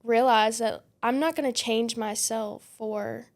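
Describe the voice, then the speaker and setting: A woman's voice: fairly high pitch, steady tone, a little slow. A woman, chatting as a podcast guest in a bubbly, giggly way with lots of fillers. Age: 20s. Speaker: guest, spray tan business owner. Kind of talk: casual interview chat.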